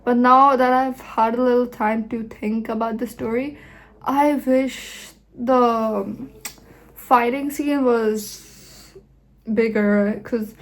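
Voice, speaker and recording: A young woman chatting casually in a reading vlog, gushing and rambling about a book. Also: on the high side. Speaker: book vlogger.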